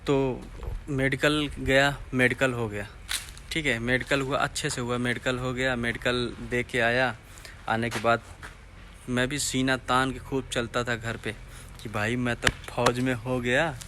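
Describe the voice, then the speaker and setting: A young man with an eastern Uttar Pradesh Hindi accent tells a rambling personal story straight to his viewers, circling back and repeating himself. His voice is bright and forward at an ordinary pitch. A faint hiss of room noise sits under him. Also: little pitch movement, unhurried. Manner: rambling, repeats phrases, asks viewers to comment. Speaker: vlogger telling his recruitment story. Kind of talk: casual storytelling to camera.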